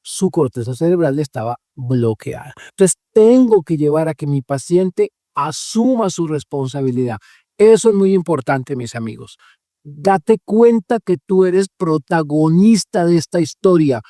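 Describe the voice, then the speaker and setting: Man, radio host and psychologist, emphatic, rhetorical questions, slightly high voice, dry close sound. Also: darkish tone, no echo. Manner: acts out patients' voices in quotes. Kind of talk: radio talk on marriage therapy.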